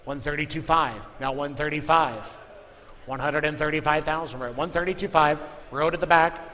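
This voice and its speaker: Bright, forceful male auctioneer calling bids. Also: fairly high pitch, fairly quick. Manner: repeats figures and calls for bids. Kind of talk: live auction calling with repeated bid chant. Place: large indoor auction room. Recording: echoey hall with clear background noise.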